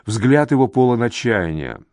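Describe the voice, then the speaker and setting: A man narrating a novel in a measured, even reading. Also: medium pitch, no room sound, clean studio sound. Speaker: audiobook narrator. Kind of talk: scripted narration.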